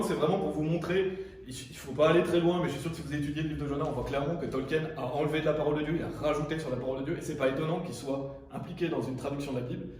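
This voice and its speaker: A man's voice: fairly high pitch, darkish tone. A French-speaking man preaching a sermon in an insistent, repetitive way, often restarting his phrases. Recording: very echoey room, distant from mic.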